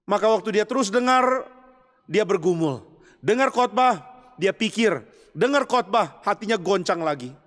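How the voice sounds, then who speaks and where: A man's voice: sits high, lively intonation, moderate pace, fairly bright tone, long reverb tail. A man, a pastor, preaching a storytelling sermon in a chapel, acting out the voices of the people he describes.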